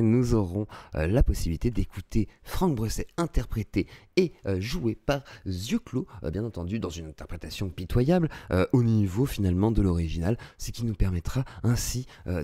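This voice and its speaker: A man's voice: on the low side, warm tone, slightly rough. A man hosting a comedic vlog, ironic and mock-grandiose, with many hesitating fillers. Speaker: youtuber host. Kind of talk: sarcastic comedic vlog intro.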